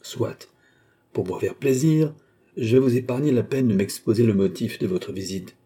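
An audiobook reader giving voice to a calm, courteous but mocking count who poses as a seer, slightly above his narrating pitch. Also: normal speed, lightly acted. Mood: calm, ironic. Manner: smooth, courteous, quietly mocking. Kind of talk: audiobook character reading.

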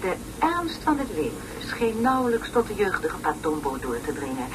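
A noisy, distant old radio play recording features an actress as a self-important lecturer on an educational tape. She speaks at normal speed in a lowish, sing-song voice, drawing out solemn, over-enunciated phrases at length.

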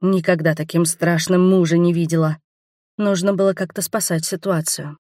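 A woman narrating a first-person fantasy audiobook in a lively, expressive way. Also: fairly low pitch, normal speed, dry recording, studio quality.

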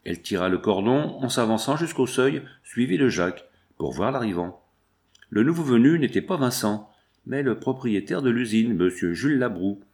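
A man narrating a classic novel in a measured storytelling manner. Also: mid-range voice, animated, darkish tone. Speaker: audiobook narrator. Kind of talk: scripted narration.

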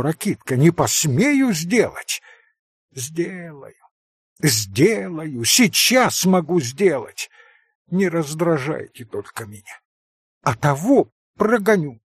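A man's voice: on the high side, husky, no room sound, clean studio sound, voice pushed up, heavily acted. A man voicing a passionate, proud and volatile young woman, with fiery, wailing outbursts, in an audiobook. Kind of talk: audiobook character voice.

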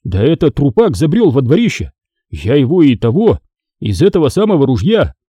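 A man's voice: mid-range voice, huge pitch swings, normal speed, warm tone, husky, dry recording. A man voicing a burly middle-aged male villager with coarse, folksy outbursts, in an audiobook. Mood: indignant.

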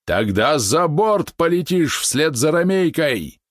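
A man voicing an enraged middle-aged male merchant, hoarse and roaring in a storybook reading. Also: a little high, big pitch swings, slow, no room sound, clean studio sound, voice pushed up. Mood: furious.

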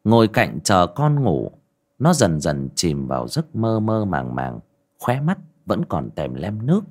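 A man narrating a spooky folk tale in a dramatic way that turns hushed at tense moments. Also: low voice, huge pitch swings, unhurried. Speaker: storyteller.

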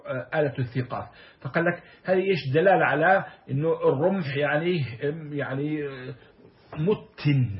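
A man giving a lecture on classical poetry, reciting verses and then explaining them word by word. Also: on the high side. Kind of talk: recorded lecture. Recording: dull lo-fi lecture recording.

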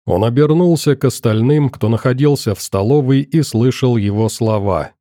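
Male audiobook narrator, calm and measured, mellow dark tone, dry close-mic studio sound. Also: medium pitch, dry recording.

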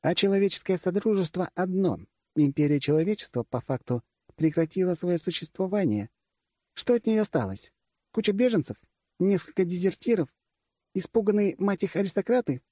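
A man's voice: high-pitched, animated, brisk, warm tone, no echo, clean studio sound, voice pushed up. Man voicing a sarcastic older woman generalissimo. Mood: mocking. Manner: sarcastic, blunt, crude. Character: gruff mocking female generalissimo, older.

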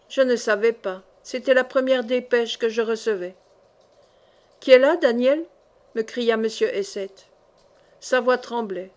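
Une femme qui lit un roman à voix haute, d'une lecture lente et mesurée. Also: female voice, a little high. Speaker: audiobook reader. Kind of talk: scripted narration of a novel.

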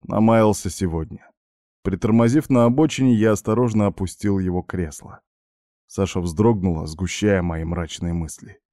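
A man narrating an audiobook in the first person, measured and brooding, gruff in dialogue. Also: deep voice, mellow, no room sound, studio quality.

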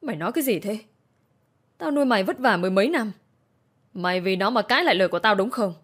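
A woman's voice: medium pitch, lively intonation, quick pace, a bit bright. Woman voicing a foul-mouthed, spiteful middle-aged mother. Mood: bitter. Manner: harsh, cursing, scornful.

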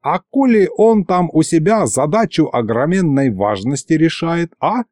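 Man doing a cranky old grandpa, high raised voice, folksy grumbling, audiobook. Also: animated, moderate pace, no room sound, studio quality, lightly acted. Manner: folksy grumbling, yells when angry. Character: gruff old male house spirit, fussy and hot-tempered.

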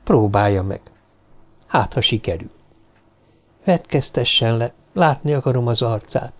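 A man's voice: mid-range voice, animated, lightly acted. A man voicing a seductive middle-aged woman who whispers and teases. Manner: whispering, teasing.

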